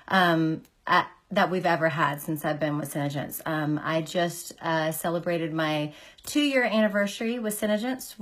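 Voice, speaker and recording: Her voice slightly bright but deepened by a recent illness, a forties-aged makeup artist and beauty seller talks casually through a tutorial. She's chatty, fills pauses with filler words, and greets viewers by name, filmed on a phone at arm's length in a small indoor space.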